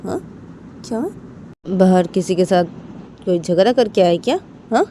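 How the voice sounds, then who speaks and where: A woman's voice: lively intonation, moderate pace, slight background noise, natural voice. A woman voicing a worried middle-aged mother who pleads with her child. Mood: coaxing. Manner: pleading, higher and louder than the narration.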